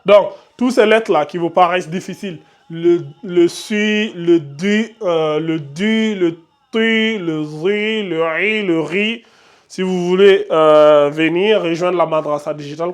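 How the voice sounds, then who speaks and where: A man with a fairly high voice teaches Arabic pronunciation for Quran reading. He talks slowly and stretches each letter sound out so learners can copy it. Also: steady tone. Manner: slow, drawn-out demonstration of letter sounds.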